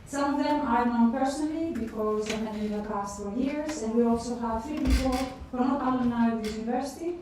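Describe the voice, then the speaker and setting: A woman's voice: a little high, fast, few pauses, mellow, a little hiss or hum. A woman moderating a university careers panel, inviting questions from the audience. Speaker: event moderator. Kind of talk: hosting a panel discussion. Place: university lecture theatre. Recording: echoey lecture theatre from far off.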